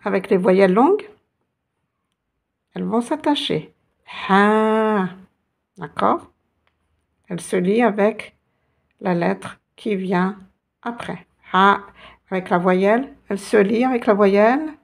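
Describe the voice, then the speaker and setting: A woman teaching an online language lesson, slow and patient, often repeating sounds for her students. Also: medium pitch, gravelly, a little mellow. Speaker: Arabic teacher.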